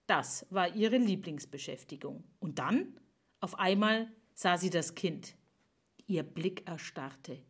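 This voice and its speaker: A woman narrating a myth as a storyteller, slow and dramatic. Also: on the low side, animated, husky.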